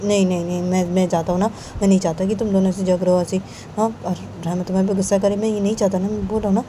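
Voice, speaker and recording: A woman's voice: mid-range voice, a little fast, dark tone, slight background noise, lightly acted. A woman voicing a young man, a cousin who keeps repeating himself insistently in a homemade story. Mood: apologetic. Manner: repetitive, insistent. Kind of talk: amateur storytelling voice acting.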